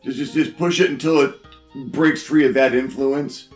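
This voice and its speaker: A man's voice: mid-range voice, steady tone, normal speed, soft background music. A man chatting casually and playfully as a player in a tabletop game.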